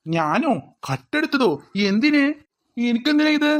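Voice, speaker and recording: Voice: high voice, big pitch swings, moderate pace, dry recording, pitched below the performer's own voice. A voice artist voicing a grumbling, annoyed grown man in a cartoon, in a dry recording. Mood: indignant. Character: grumbling grown man, older brother type.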